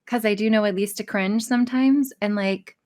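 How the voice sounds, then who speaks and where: Being interviewed, a voice actress and audio creator talks casually and candidly, frank, self-deprecating and swearing freely. Her voice is mid-range and darkish in tone, at a normal speed.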